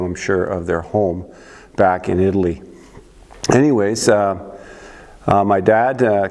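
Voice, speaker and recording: Older Canadian man, rambling and low. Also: darkish tone, in a large hall. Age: 60s. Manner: rambling, unhurried, frequent restarts and uhs. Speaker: church show host. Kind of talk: casual monologue to camera.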